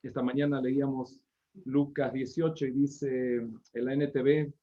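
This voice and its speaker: A man from Patagonia, giving a missionary report over a video call in a joking, lively way. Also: mid-range voice, measured pace, highs cut off. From Argentine Patagonia.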